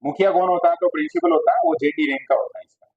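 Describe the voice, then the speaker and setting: A male teacher gives a classroom lecture, his voice sitting a little high for a man. He asks his students questions and then answers them himself. The recording is dull and lo-fi. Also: huge pitch swings, very fast, creaky, breathy edge.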